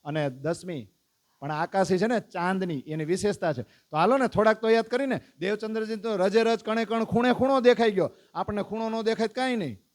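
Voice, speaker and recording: Lively preacher with a higher voice. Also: male voice, brisk. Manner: lively, calls out lists and prompts the audience to recite. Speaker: religious teacher. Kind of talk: devotional lesson to a congregation.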